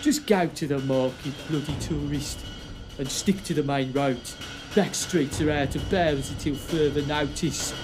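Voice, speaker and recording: A curt, impatient platform guard barks orders, as a man puts him on. His voice sits a little high and sounds set back from the mic, with music playing behind. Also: unhurried, lightly acted. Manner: curt, brusque. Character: gruff male platform guard, impatient and rude.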